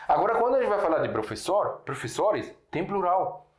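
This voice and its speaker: A man from Syria, a native Arabic speaker, giving a casual video lesson at a board, explaining slowly with repeated examples and frequent check-ins. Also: high-pitched, sing-song. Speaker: Arabic teacher. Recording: echoey room.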